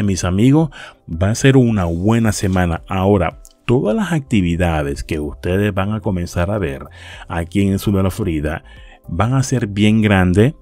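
Recorded with no room sound, a man with a fairly low, darkish voice hosts a friendly vlog from South Florida, sharing rideshare and delivery tips over stock footage. He addresses viewers as friends and often starts phrases over.

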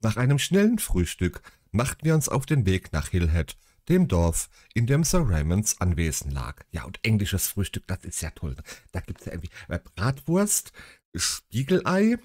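A man's voice: lowish voice, wildly swooping pitch, normal speed, darkish tone, no echo, clean studio sound. A man reading a bedtime story aloud and breaking off into chatty, sarcastic asides.

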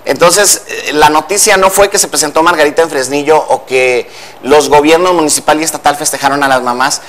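Male language commentator from Mexico, fairly high voice, methodical teacher's delivery, TV news studio. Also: a bit bright. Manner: didactic, patient, explains step by step. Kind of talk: explaining spelling rules on air.

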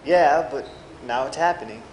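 Girl putting on a gruff grumbly retired pitcher guy, voice pushed way down, big echoey hall. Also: moderate pace, darkish tone, a little hiss or hum, lightly acted. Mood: glum. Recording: echoey auditorium.

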